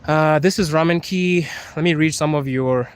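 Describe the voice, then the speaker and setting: This is a smooth, fairly high male voice at a moderate pace. The speaker, a young Zimbabwean livestream host, strolls a wet nighttime street holding his phone, chatting easily, reading comments, laughing frequently and teasing his audience.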